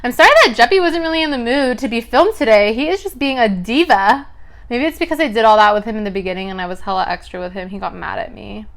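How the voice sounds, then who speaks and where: A woman's voice: on the high side, fast. A young woman in her twenties chatting casually to viewers between bites of food, filling her talk with "like". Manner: chatty, lots of "like", chewing sounds between lines. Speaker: mukbang vlogger. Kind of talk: casual chat while eating.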